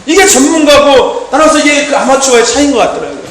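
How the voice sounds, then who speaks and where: High-voiced male preacher in an echoey church. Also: fast. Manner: animated storytelling with shouted emphasis and repeated amen calls. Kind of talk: sermon. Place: church hall. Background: congregation answering amen.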